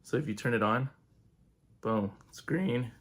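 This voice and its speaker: A man giving a relaxed, chatty product review at home, walking through features. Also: mid-range voice, a little slow. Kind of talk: casual unboxing review.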